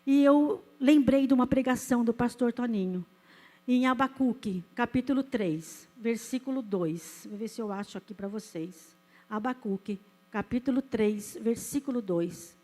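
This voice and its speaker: A woman's voice: fairly high pitch, normal speed, a little mellow. A woman in her fifties with a Brazilian Portuguese accent, a pastor giving an earnest, emotional sermon with a personal testimony. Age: 50s. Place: church.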